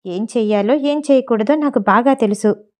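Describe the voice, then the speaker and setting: A firm, impatient young man cuts his mother short in clipped lines, with a woman narrator reading him in her own voice. The tone stays mellow and a little high. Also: moderate pace, close to an everyday voice.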